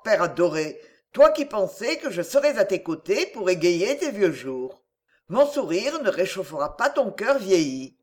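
Woman reader for a dramatic first-person tale, unhurried, with a sweeping pitch. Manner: conspiratorial, addressing the listener directly. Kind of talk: dramatic literary reading.

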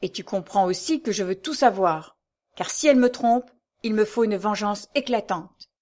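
A woman reading aloud, voicing a melancholy, jealous nobleman in her own middle-pitched voice, slow and sad. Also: a little mellow, close to an everyday voice. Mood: grave.

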